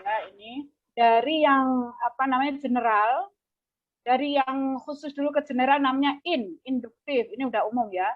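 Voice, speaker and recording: A woman teacher trainer giving an online lecture, explaining step by step with "eh" fillers, her voice coming through a crackly call line that keeps breaking up. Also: sits high. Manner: explains step by step, fills pauses with "eh" and "apa ya". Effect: choppy, crackly call audio that breaks up. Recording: dull, dry, lo-fi call line.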